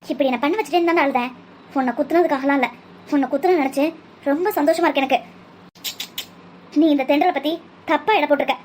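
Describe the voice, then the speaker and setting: A fierce young woman doctor in a cartoon, voiced by a woman, with a high, bright voice. She scolds and declaims with fiery intensity. Her lines carry strong moral anger. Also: quick pace, pauses often, slight background noise, natural voice. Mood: anguished anger. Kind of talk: cartoon voice acting.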